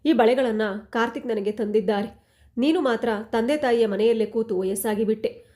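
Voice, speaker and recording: A woman's voice: on the high side, normal speed, dark tone, lightly acted. Woman voicing a jealous bitter sister-in-law. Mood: tearful accusing. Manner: accusing, resentful.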